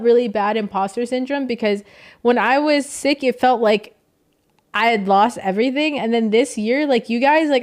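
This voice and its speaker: Emotional chatty young woman streamer. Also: on the high side. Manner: emotional, rambling, reads out chat. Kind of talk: casual livestream chat.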